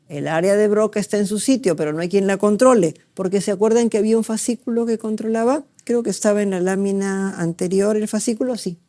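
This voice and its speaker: A man's voice: high voice, dark tone. A man giving a medical exam review lecture, explaining step by step and checking in with rhetorical questions. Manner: explanatory, asks rhetorical checks, acts out patients.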